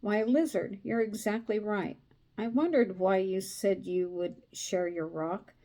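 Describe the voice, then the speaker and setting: A woman's voice: medium pitch, steady tone, measured pace, dark tone, lightly acted. A woman reading aloud the lines of an impatient male snake from a storybook. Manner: read aloud from a card book. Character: annoyed hissing male snake seeking shade.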